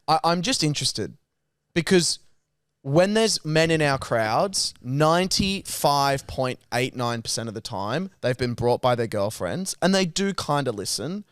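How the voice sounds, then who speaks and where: Podcast host: Australian man, clear voice, blunt lad slang, casual, dry close sound. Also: medium pitch, dry recording. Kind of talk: casual chat.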